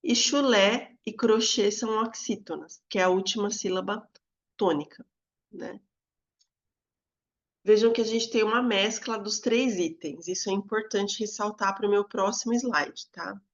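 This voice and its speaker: Speaking calmly, a woman with a Brazilian Portuguese accent teaches a recorded video lesson and emphasizes stress by singing out words in a drawn-out way. She has a mid-range voice, and the recording lacks high frequencies.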